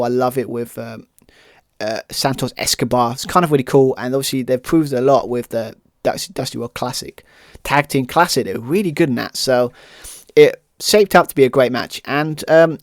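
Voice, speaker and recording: A man hosting his podcast solo, talking through a review in a loose, rambling way, with constant "kind of" and "um". He sounds keen. His voice sits at a middle pitch, and the recording is dry and close, with no room sound. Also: dry recording. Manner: rambling, heavy use of "kind of" and "um"; enthusiastic. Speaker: podcast host.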